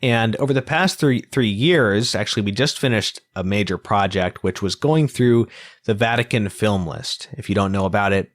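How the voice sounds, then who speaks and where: A male podcast host with a fairly low voice, recorded close and dry. He speaks conversationally as he presents and discusses. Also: no room sound.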